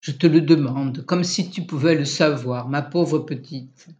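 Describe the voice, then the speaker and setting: Reader doing a fretful young husband, urgent, sharp, insistent, slow and louder than the narration. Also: male voice, on the high side, close to an everyday voice. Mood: anxious. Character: anxious young husband doting on his cat.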